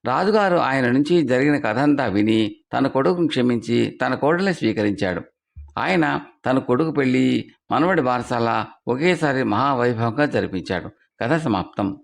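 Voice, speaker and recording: Guy reading kids' folk stories, gravelly voice, pitch jumps around a lot. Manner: lively expressive telling with acted dialogue. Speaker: storyteller. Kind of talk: storytelling for children.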